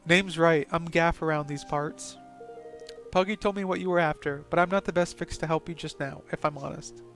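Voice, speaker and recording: A man voicing a gruff, folksy male village elder, reading his lines aloud in a plain voice. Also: on the high side, steady tone, moderate pace, fairly bright tone, faint music behind.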